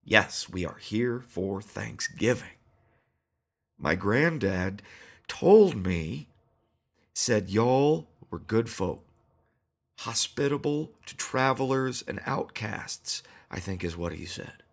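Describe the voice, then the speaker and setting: A man's voice: lowish voice, lively intonation, slow, gravelly, heavily acted. A man doing a polite Southern-talking teenage boy. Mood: earnest.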